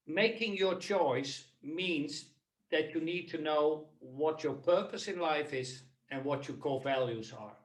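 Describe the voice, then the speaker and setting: Slow, earnest Dutch-accented man on a video call. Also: a little high, fairly bright tone. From Netherlands. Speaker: webinar presenter. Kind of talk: casual webinar talk. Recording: echoey, distant from the mic.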